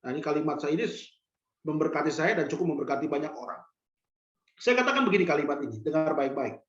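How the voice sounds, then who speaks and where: A male pastor delivers a sermon, pressing the congregation with direct questions and slowly repeating his main lines. His voice carries through a roomy space with some echo. The recording sounds a little dull and lo-fi. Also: fairly high pitch, animated.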